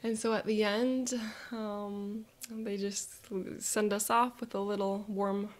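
A woman narrating a guided visualization in a soft, reflective way that often drops to a whisper. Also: mid-range voice, little pitch movement, slow.

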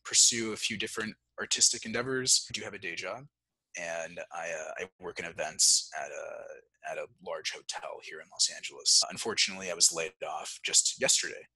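A man with a very deep, husky voice speaks haltingly through a headset. The sound is dry and sharp. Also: no room sound, poor audio. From United States. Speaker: hotel events worker.

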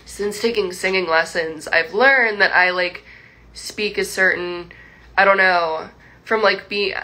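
Poor audio from a phone livestream captures a young woman at home rambling, laughing and restarting, with lots of likes, as she talks to fans. Her mid-range voice has fairly even intonation, a measured pace and a sharp tone.

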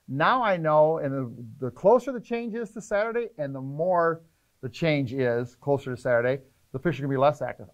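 A middle-aged man, a fishing charter captain, explaining trip planning in casual, energetic interview talk in an indoor tackle shop. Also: medium pitch, highs cut off. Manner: energetic, gestures a lot, lists points rapidly.

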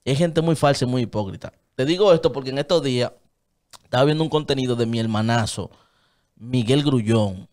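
A man with a Dominican Spanish accent, in his thirties, keeps up casual, earnest studio chat as a radio guest, gesturing a lot. His mid-range voice is brisk and a little mellow, picked up by a desk-stand mic in a small padded room while he wears headphones.

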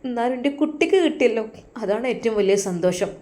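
A woman voicing a humble, tearful old father who speaks softly and haltingly. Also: on the high side, animated, lightly acted. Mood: moved.

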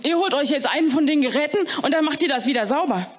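A woman putting on a red-faced male school caretaker who squawks his complaints in a strained, high voice. He is indignant and exasperated, scolding a class he blames for a mess. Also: expressive, fast talker. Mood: commanding.

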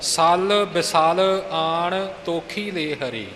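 A man teaching how to recite scripture, chanting lines slowly and then explaining pauses and pronunciation. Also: a little high, expressive, fairly bright tone. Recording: echoey room with long reverb and faint hiss.

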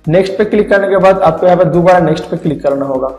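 A man's voice: high-pitched, very fast, dark tone, roomy sound, in a large hall, faint music behind. A man hosting a tech channel, walking viewers step by step through a computer driver install. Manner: step-by-step explaining. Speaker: tech tutorial host. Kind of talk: screen-recorded tutorial.

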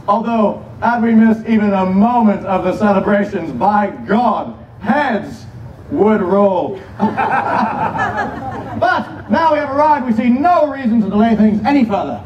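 A man's voice: high-pitched, expressive, measured pace. A man playing an imperious, boisterous Renaissance king at a fair, proclaiming pompously in theatrical olde English on an outdoor stage. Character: imperious, boisterous King Henry the Eighth of England. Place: outdoor wooden stage at a fair, far camera. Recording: distant, muffled, echoey outdoor stage, noisy.

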